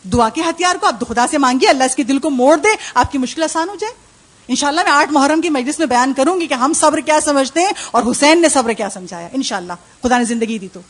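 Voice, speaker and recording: A woman's voice: sits high, fairly bright tone. A woman speaking at a religious gathering, giving an impassioned sermon full of rhetorical questions and acted-out voices. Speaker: female religious speaker (zakira) at a majlis. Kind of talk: Muharram majlis sermon.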